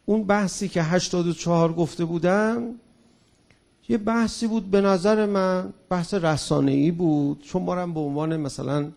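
Man, public speaker: high-pitched, gravelly, emphatic, with rhetorical questions to the crowd. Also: fairly even intonation. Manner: emphatic, rising to forceful peaks; rhetorical, addresses listeners directly. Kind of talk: impassioned speech to an audience.

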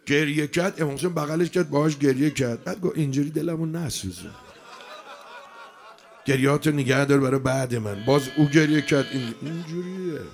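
A man with a fairly high voice preaches a mourning sermon. He is emotional, rising to loud cries and then dropping to a hush. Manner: emotional, swings from loud to hushed.

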